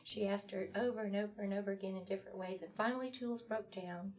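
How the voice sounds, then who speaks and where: A woman's voice: medium pitch, steady tone, fast, a little mellow. A woman author as a talk-show guest, earnestly recounting a children's story. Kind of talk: interview storytelling.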